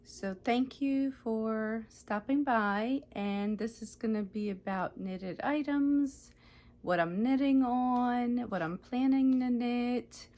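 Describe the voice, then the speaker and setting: A woman in her thirties, originally from Ukraine, hosts a knitting podcast as a casual show-and-tell vlog, chatting through her projects. She often corrects herself and seems unsure of details, speaking slowly in a warm, fairly high voice.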